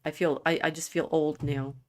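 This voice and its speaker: A woman in her sixties co-hosts a livestream, chatting casually and rambling with many restarts. Her voice is low with a flat delivery and a darkish tone, and she speaks at a normal speed.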